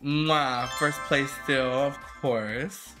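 A man's voice: medium pitch, normal speed, over music. A man, a drag queen host, giving sassy, dramatic, shady live commentary while judging a game fashion show.

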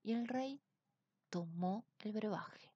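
A woman reading a children's storybook aloud in an expressive, unhurried way. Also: medium pitch, breathy edge, no echo, muffled recording. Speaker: reader.

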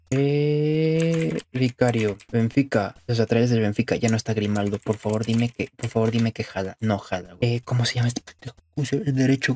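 A man's voice: mid-range voice, darkish tone. A man with a Mexican accent doing casual gameplay commentary as a streamer, muttering to himself, swearing and repeating phrases.

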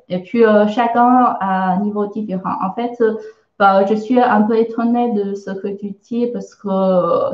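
A woman with a Chinese accent leads a live online lesson at a slow, unhurried pace, stopping often to search for words. Her patient explanations come through a roomy, slightly muffled stream recording. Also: medium pitch. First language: Mandarin Chinese. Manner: hesitant, many filler sounds, patient explaining. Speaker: Chinese teacher.

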